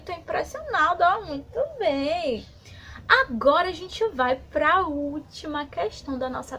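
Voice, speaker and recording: Bright brazilian teacher lady talking slow and clear to little kids, lots of questions. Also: sits high, slight background noise. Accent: Brazilian Portuguese. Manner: slow, drawn-out words for small children. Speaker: preschool teacher. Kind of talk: online lesson for young children.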